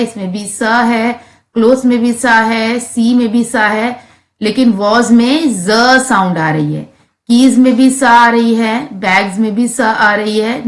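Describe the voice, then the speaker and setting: A woman teacher with an Indian accent reads English textbook lines aloud for children and then explains each one plainly. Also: medium pitch. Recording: echoey room.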